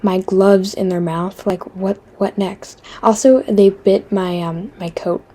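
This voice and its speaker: A woman vlogger unspools a story while drawing, drifting between tangents with lots of ums and likes. Her voice is soft and mellow with a breathy edge, and she talks at an unhurried, drawn-out pace. Her asides come out dry and deadpan. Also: mid-range voice. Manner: meandering, filler-heavy, self-interrupting.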